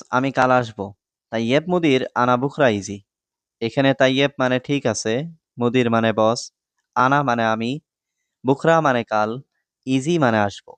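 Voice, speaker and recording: Man, Bangladeshi, language teacher, smooth clear voice, dry close recording, steady word-by-word delivery. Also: mid-range voice, no echo. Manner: steady, repetitive word-by-word explanation. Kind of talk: scripted phrase-by-phrase lesson.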